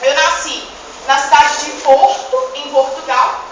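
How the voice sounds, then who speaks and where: A young woman student plays a vain, joking eighteenth-century dead poet in a school presentation, theatrically chiding the class. Her high voice keeps a fairly even intonation at a measured pace, recorded from far off in an echoey room that sounds dull and noisy.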